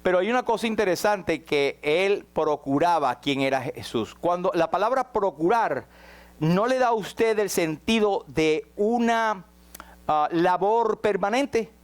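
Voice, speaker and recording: A man preaching a sermon as pastor, rising high and dropping to a hush, questioning his congregation directly. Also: lively intonation, a little slow. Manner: dramatic swings between raised and hushed passages.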